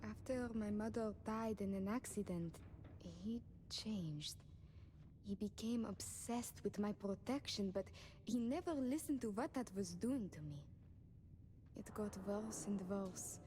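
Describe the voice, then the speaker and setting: A woman's voice: mid-range voice, a little slow, slight background noise, close to an everyday voice. An actress playing a sickly, guarded young runaway woman from a space colony in video game dialogue. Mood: fearful, resigned. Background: loud background music.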